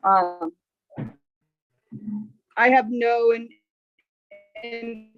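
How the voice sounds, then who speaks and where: A woman official speaking over a video call on a bad connection, her voice breaking up and cutting out, halting with fillers and repeated words. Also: on the high side, animated, gravelly, faint music behind. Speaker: city health department official. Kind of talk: answering questions at a video-call public meeting. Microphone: phone on a video call. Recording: dull lo-fi video-call audio.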